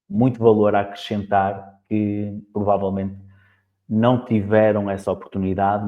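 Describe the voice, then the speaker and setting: A man with a European Portuguese accent hosting a casual podcast interview, talking fast with halting restarts. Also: low-pitched, mellow. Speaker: podcast host. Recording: tinny phone-like line.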